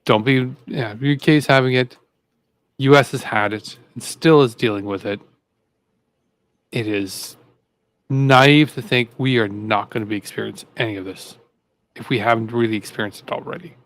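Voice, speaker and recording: A man's voice: mid-range voice, steady tone, normal speed, dry recording. A man co-hosting a live political talk show, rambling and repeating himself as he gets fired up. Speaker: co-host. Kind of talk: casual political commentary.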